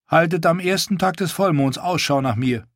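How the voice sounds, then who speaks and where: A man's voice: on the high side, moderate pace, no room sound, studio quality, pitched above the performer's own voice, lightly acted. A man voicing a bold, proud wildling woman from the free folk, speaking firmly and with self-assurance. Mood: resolute.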